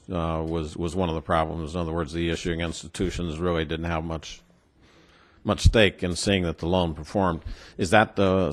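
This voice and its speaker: A man with a West Texas twang questioning witnesses at a formal hearing in a halting, plain-spoken, skeptical way. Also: sits low. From New Mexico or West Texas, United States.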